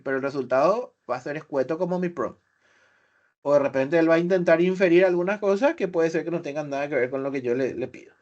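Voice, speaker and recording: A man presenting a webinar, explaining software step by step with rhetorical questions and filler sounds. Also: a little high. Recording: slightly dull webinar audio.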